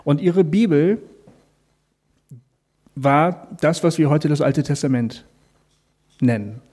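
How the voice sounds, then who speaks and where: Mellow-voiced man giving a faith talk. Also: a little high, slow pace, husky. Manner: explains calmly, speaks directly to the listener; asks rhetorical questions.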